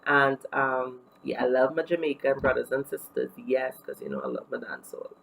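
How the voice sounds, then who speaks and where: Trinidadian woman for a casual beauty vlog; gravelly fry, open and talkative. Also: very deep voice, steady tone, moderate pace, a little hiss or hum, poor audio. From Trinidad and Tobago. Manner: chatty and candid, with many fillers. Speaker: beauty vlogger. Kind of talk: casual get-to-know-me vlog.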